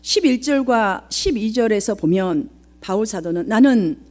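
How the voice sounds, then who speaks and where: Middle-aged woman pastor, earnest sermon delivery, high and animated voice, keeps asking the congregation questions. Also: normal speed, faint music behind. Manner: earnest preaching, often asks the congregation questions.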